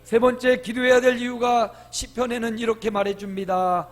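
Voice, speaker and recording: A middle-aged man preaching a sermon as pastor, emphatic, with loud swells and lively quoted voices, recorded in a church sanctuary. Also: very high-pitched, moderate pace. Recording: long hall reverb.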